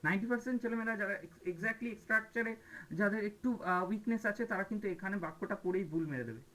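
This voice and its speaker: A man's voice: sits high, quick pace, pushed and bright, poor audio. A man teaching an English grammar lesson for competitive exams, posing questions to students and answering them himself while mixing in English terms. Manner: mixes English terms into explanations, asks and answers his own questions. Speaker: exam-prep English teacher. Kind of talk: classroom grammar lecture.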